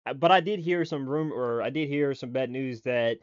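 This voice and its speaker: A man's voice: medium pitch, brisk, no room sound, lo-fi sound. A man giving casual reaction commentary as a streamer, rambling with lots of fillers, restarts and swearing.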